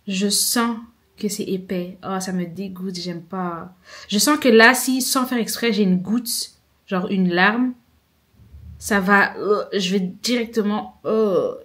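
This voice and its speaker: A young woman, chatting to a small camera in a rambling, self-mocking vlog. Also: mid-range voice. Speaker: vlogger. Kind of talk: casual vlog chat to camera. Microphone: small handheld camera.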